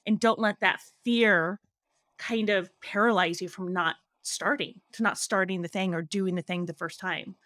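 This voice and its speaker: A woman's voice: medium pitch, fairly even intonation, normal speed, a bit bright, no echo, studio quality. A woman co-hosting a podcast in casual chat, enthusiastic and teasing. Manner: enthusiastic, teasing, talks at length. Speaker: podcast co-host.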